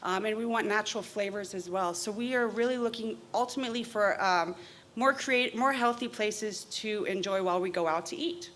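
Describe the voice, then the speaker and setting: A woman gives a business pitch from a stage in front of a screen. She talks steadily and fills pauses with frequent "um"s, and a faint noise sits under her voice. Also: a bit bright. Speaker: pitch presenter.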